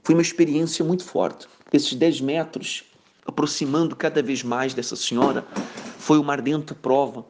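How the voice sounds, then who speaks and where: A man, a pastor, telling a personal testimony in a sermon, earnest and conversational, often tagging his sentences with a questioning aside. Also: a little high. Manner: earnest storytelling with frequent "né?" asides.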